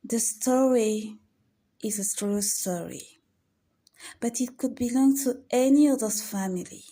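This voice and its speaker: A woman telling an emotional story in scripted narration, soft, solemn and often half-whispered. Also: on the high side, unhurried.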